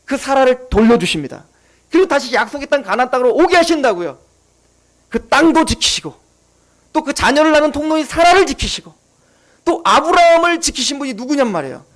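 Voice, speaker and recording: A man preaching a sermon in a very high voice that swoops up and down with great liveliness. He throws out rhetorical questions and briefly acts out the people he quotes. This is the steady, animated delivery of a pastor at the pulpit.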